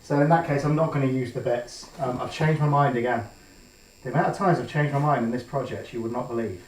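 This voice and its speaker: With his regular mic out of action, this man records on the built-in camera mic, his voice distant in an echoey room with a little hiss or hum. Demonstrating a resin pour, he talks fast in a mid-range, plain voice he calls monotone, chatty and hesitant with lots of ums, thinking aloud and reversing his decisions.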